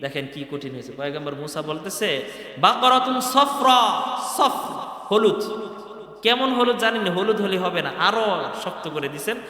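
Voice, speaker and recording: A man's voice: fairly high pitch, animated, brisk, sharp tone. A man gives a sermon in a mosque hall, telling a story in vivid voices and chanting scripture in between. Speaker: preacher.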